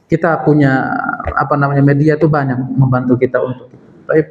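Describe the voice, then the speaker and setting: A man's voice: mid-range voice, little pitch movement, brisk, highs cut off. Man preaching in an echoey mosque. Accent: Indonesian. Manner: asks the audience questions and answers them himself; recites Arabic text then explains it. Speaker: ustadz teaching Quran exegesis. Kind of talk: mosque study-circle sermon. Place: mosque hall.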